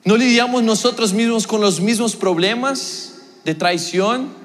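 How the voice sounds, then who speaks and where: A young adult man preaching a sermon as a pastor, telling a personal story earnestly, swinging between raised emphasis and quiet reflection. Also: high voice, a little slow, long reverb tail.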